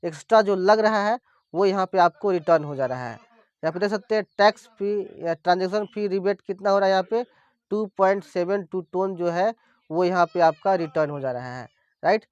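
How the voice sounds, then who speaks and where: A man with a high, smooth, clear voice talks through an app on screen, one step at a time, repeating himself as he points to each part. The sound is dry and somewhat dull, like a basic lo-fi voice-over. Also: normal speed, no room sound. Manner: explains step by step, repeats "here" constantly. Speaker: crypto tutorial presenter. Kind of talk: screen-recorded app walkthrough.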